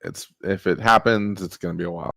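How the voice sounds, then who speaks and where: A man's voice: sits low, steady tone, fast talker, gravelly, a bit bright, no room sound. A man casually explaining board game rules, rambling with many fillers.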